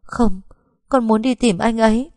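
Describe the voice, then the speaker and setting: A woman voicing a frantic young wife in an audio story, pleading in a high, urgent voice. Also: measured pace, darkish tone, no room sound, clean studio sound. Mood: desperate pleading.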